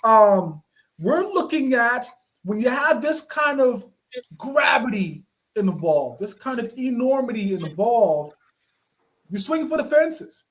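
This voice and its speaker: On his wrestling podcast, a male host leads the panel through casual chat with an emphatic, showman-style delivery. His voice is very high-pitched and a bit bright, with a sing-song lilt, and he takes his time.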